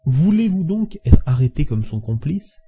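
A man's voice: a little high, big pitch swings, moderate pace, breathy edge, voice pushed up, heavily acted. A man reading aloud and voicing a calculating male police detective who speaks curtly and insists. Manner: curt, insistent. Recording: dull lo-fi recording.

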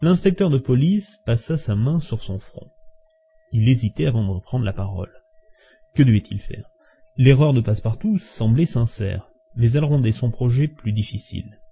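Husky guy reading a novel aloud, mid pitch, dull lo-fi sound. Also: animated, normal speed, dark tone. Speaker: audiobook reader. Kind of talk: scripted narration of a classic novel. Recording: dull lo-fi recording.

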